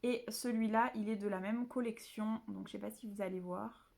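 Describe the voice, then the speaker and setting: A woman from the south of France talks casually to her camera about books. She rambles, restarts her sentences and fills pauses often. Her voice sits at an ordinary middle pitch. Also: fairly even intonation, creaky, darkish tone. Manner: chatty, rambling, many fillers and restarts. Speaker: book vlogger.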